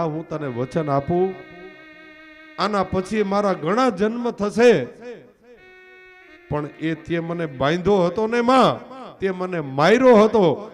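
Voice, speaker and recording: A man voicing the young divine Krishna, speaking with affection to his mother and urging haste, in a devotional storytelling sermon. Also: high-pitched. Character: Krishna, divine young son, tender and hurried.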